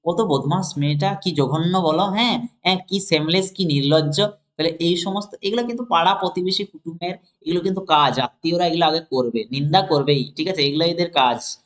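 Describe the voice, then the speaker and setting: A man teaching English. He explains a story line by line to his students and keeps asking rhetorical check-in questions. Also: fairly high pitch. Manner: reads English lines slowly, then explains them.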